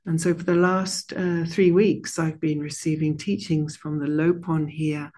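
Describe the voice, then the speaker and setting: Her voice low and her tone level, a soft-spoken woman teaching an online class first leads a slow, gentle meditation and then chats warmly with many fillers. She is in a monastery room.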